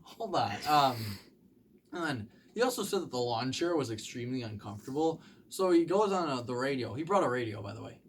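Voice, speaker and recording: A young man doing rambling stand-up comedy, halting with ums and likes and acting out the voices of people in his stories. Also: mid-range voice, sing-song, slight background noise. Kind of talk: rambling comic storytelling.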